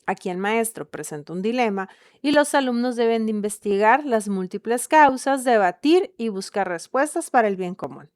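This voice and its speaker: A woman hosting a podcast, reading a measured and persuasive script. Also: a little high, lively intonation, dry recording, clean studio sound. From Mexico. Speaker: podcast host. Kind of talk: scripted narration.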